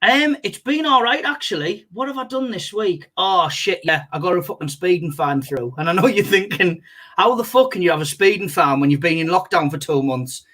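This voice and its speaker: A young man with a high, bright voice, chatting casually as co-host. He tells sweary stories with lots of energy and laughs at himself. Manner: animated storyteller, quick to laugh at himself. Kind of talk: casual banter, swearing anecdotes.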